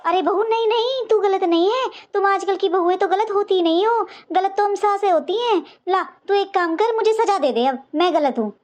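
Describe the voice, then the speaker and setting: A woman voicing a sharp-tongued older mother-in-law in a cartoon, taunting and sarcastic in every line. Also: extremely high pitch, normal speed, hardly any pauses. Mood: sarcastic scolding. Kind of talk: cartoon voice acting.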